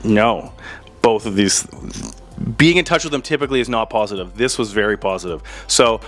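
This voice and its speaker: A man's voice: lowish voice, normal speed, a bit bright. A man co-hosting as a realtor, explaining things in casual chat with fillers and self-corrections. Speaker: realtor co-host.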